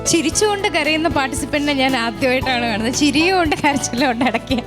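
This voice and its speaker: High-voiced woman hosting a show. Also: animated, fast talker, over loud music. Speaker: show host.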